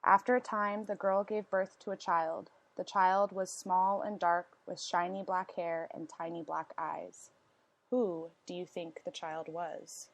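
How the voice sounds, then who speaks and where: A woman's voice: lowish voice, flat delivery, a little slow, gravelly, no echo. Woman reading a picture book aloud, dry sound. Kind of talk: storybook read-aloud narration with questions to listeners.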